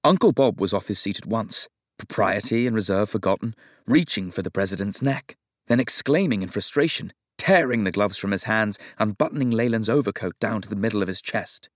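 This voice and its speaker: This male audiobook narrator, lowish in pitch, delivers scripted narration of a novel in a steady, measured manner. There's no room sound, just clean studio audio.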